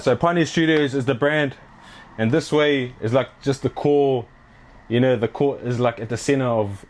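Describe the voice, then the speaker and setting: This young New Zealander, an athlete with his own clothing label, keeps things relaxed and slangy during a casual interview in his apartment. His voice sits in the mid range, and fillers crop up often.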